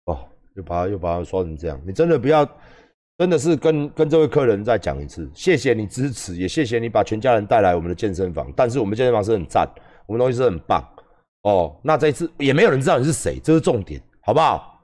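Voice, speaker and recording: A man with a Taiwanese accent hosting a livestream, ranting and swearing loudly, switching between mocking shouts and low muttered asides. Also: very animated, fast. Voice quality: loud, swings between yelling and muttering. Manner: shouting profanity, mocking impressions. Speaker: livestream host, gym owner. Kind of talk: angry livestream rant.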